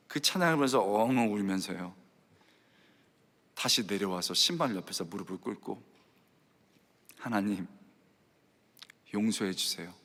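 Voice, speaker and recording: A man preaching a sermon, telling a story in hushed tones and rising to fervent exhortation. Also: mid-range voice. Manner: storytelling preacher, voices people softly then rises to fervent exhortation. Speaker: pastor. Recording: long church hall reverb.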